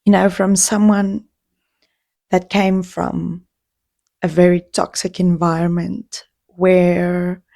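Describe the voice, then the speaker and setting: Slow, gravelly-voiced woman podcaster, heartfelt. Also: on the low side, no echo, clean studio sound. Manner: heartfelt, slow and reflective, with pauses and restarts. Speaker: podcast host. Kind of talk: casual solo podcast talk.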